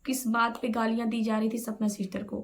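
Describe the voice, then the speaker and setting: Chatty high-voiced woman vlogger. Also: level tone, fairly quick. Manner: chatty, keeps saying "okay" to viewers. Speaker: vlog host. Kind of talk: casual gossip commentary.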